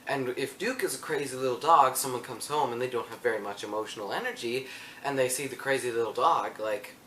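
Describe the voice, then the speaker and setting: A man's voice: medium pitch, brisk, bright, forceful tone, far from the mic, slight background noise. A young man hosting a casual vlog at home, rambling and playful, often breaking off mid-thought. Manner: rambling, self-interrupting, playful. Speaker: vlogger. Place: room at home. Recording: roomy echo, mic set back.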